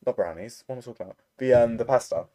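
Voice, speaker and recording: Talking very fast in a mellow, low voice, a young man rambles through a filler-laden anecdote during a casual voice call. He's heard through his computer mic.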